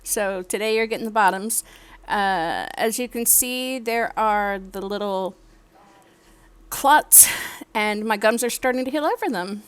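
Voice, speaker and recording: A woman's voice: mid-range voice, unhurried, clear, resonant tone. A woman talking casually to camera in a vlog, articulating carefully around dentures, with a slight lisp and hard, whistling S sounds. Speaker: vlogger.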